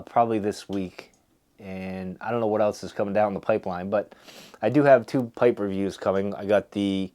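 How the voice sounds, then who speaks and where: A man's voice: lowish voice, darkish tone. A man giving a casual, rambling review to viewers, thinking aloud in a hesitant, musing way. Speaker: pipe tobacco reviewer hosting a video.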